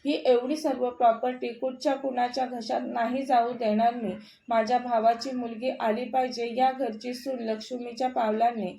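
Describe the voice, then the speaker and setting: A woman's voice: fairly high pitch, flat delivery, normal speed, creaky, dark tone, a little hiss or hum. A woman voicing a proud, scheming middle-aged mother who speaks with scorn, in an echoey room. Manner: scornful and controlling.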